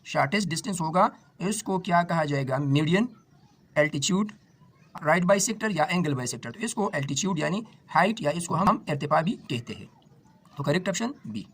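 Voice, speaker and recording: Bright, high-voiced Pakistani teacher. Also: male voice, lively intonation, slightly rough. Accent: Pakistani Urdu. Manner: reads questions slowly, explains fast. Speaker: maths teacher. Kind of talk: exam paper walkthrough lesson.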